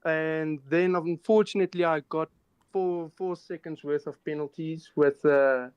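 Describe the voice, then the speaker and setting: Male racer in a post-race interview, smooth and slightly high voice, over a dry, muffled remote line. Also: steady tone, measured pace, no room sound. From South Africa. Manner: matter-of-fact, repeats words when restarting. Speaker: racing driver, interview guest.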